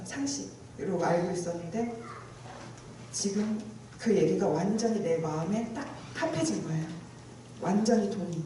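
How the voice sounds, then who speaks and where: A woman's voice: on the low side, warm tone, slight background noise. A woman giving a personal testimony at a church retreat. She tells her story with emotion and acts out her own past words. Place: large echoey church hall. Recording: very echoey hall, voice from far off.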